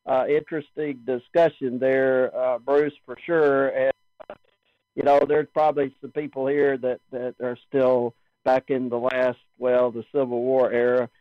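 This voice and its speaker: A man's voice: medium pitch, measured pace, no room sound. Rambling man over radio. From southern United States. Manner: relaxed, rambling, many fillers. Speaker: net control operator. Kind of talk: casual amateur radio chat. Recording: dull, dry radio link audio.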